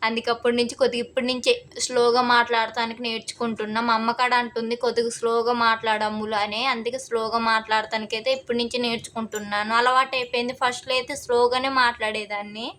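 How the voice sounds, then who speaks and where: A woman's voice: on the high side, level tone, fairly bright tone, a little hiss or hum. A young woman narrating her home cooking vlog in a chatty, rambling way. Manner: chatty, rambling, fast-talking. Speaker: vlogger.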